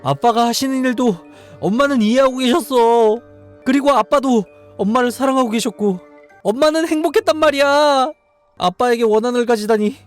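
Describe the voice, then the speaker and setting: A man voicing a frightened young girl who pleads in a high, tearful voice. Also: normal speed, soft background music. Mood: pleading. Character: frightened young girl searching for her father.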